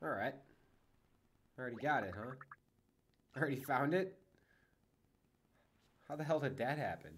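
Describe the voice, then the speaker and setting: A man chatting casually while playing a video game on stream, reacting out loud as he goes. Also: medium pitch, animated, normal speed, pauses often, slight background noise. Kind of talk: casual gameplay commentary. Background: game music.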